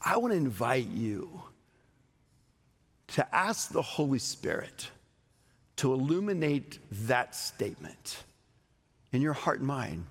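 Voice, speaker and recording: A male pastor preaching a sermon in a church, slow and emphatic, with dramatic pauses. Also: medium pitch, very animated, fairly bright tone, breathy edge, long reverb tail. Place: church sanctuary.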